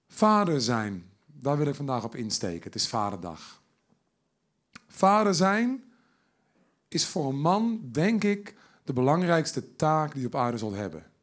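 A man preaching a sermon in a jovial, emphatic manner. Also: medium pitch. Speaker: pastor.

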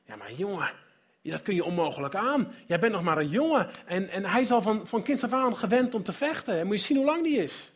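A man's voice: sits high, big pitch swings, a little fast, breathy edge, exaggerated voice. A man playing doubtful old king Saul.

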